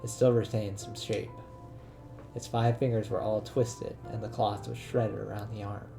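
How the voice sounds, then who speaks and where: A man reading a game's narration aloud in a measured, plain voice. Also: on the low side, little pitch movement, gravelly. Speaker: let's-play narrator. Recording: voice over game music.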